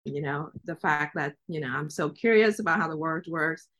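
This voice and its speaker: A young Vietnamese woman, a native Vietnamese speaker, appears as a guest journalist in a casual interview, telling her story in a chatty, reflective way with light laughs. Her voice sits low and fairly bright, and she speaks at a normal speed.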